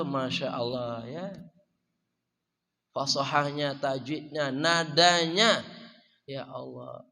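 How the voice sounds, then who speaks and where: A man with an Indonesian accent delivers a mosque sermon in a slightly raised voice. He lifts his words loudly for emphasis, then sinks into soft phrases, often putting questions to the congregation. A long hall reverb trails every line. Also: fairly high pitch. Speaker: preacher.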